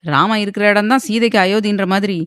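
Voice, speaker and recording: A woman's voice: mid-range voice, fairly even intonation, a little fast, fairly bright tone, clear, resonant tone, no echo, studio quality, close to an everyday voice. A woman voicing a bossy, teasing grandmother in an audio novel, scolding her grandson with a joke. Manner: scolding, joking.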